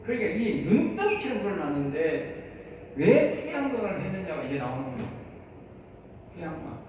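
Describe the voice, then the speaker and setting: Heard from a distance in an echoey church hall, a male pastor delivers an insistent sermon full of repeated phrases and rhetorical questions aimed at the room. His voice sits high for a man but sounds a little mellow. There's a touch of hiss or hum in the recording.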